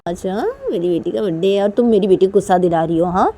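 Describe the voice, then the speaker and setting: A woman's voice: mid-range voice, fast, warm tone, a little hiss or hum, close to an everyday voice. A woman voicing a stressed young woman who keeps firing off exasperated questions. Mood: angry.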